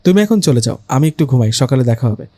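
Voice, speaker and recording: A man's voice: medium pitch, animated, quick pace, mellow, no room sound, clean studio sound, close to an everyday voice. A man voicing a worried young woman in a storybook reading, in a fretful way.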